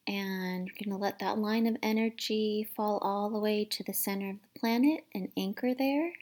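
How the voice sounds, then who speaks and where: A woman leading a guided meditation in a soft, soothing, unhurried manner, with long pauses between instructions. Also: mid-range voice. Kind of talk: guided meditation, instructing listeners to relax and breathe.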